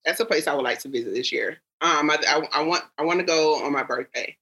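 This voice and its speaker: A woman in her thirties chatting casually with friends, animated and slangy, laughing often. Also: deep voice, quick pace. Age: 30s. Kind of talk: casual chat among friends.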